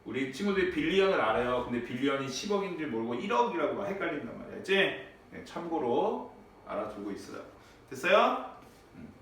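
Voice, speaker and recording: A man teaching a high school English class in a classroom, checking on students with frequent tag questions. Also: very animated, brisk, fairly bright tone. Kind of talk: classroom lecture. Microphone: far from the mic. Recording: echoey classroom, distant mic, faint noise.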